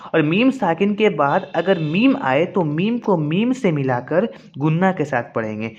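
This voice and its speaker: A man's voice: on the high side, big pitch swings, measured pace, darkish tone, lo-fi sound. A man teaching Quran recitation rules, explaining patiently and repeating each point. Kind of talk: explanatory lesson with slow recited examples.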